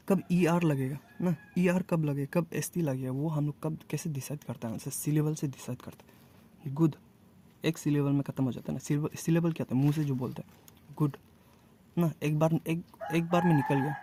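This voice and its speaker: A man teaching a casual grammar lesson, asking and answering his own questions and repeating words slowly. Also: fairly high pitch, warm tone, slight background noise.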